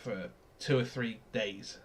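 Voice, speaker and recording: A man's voice: on the low side, steady tone, slow pace. A young man from Australia co-hosting a casual sports podcast, explaining plays with eager enthusiasm. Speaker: podcast co-host.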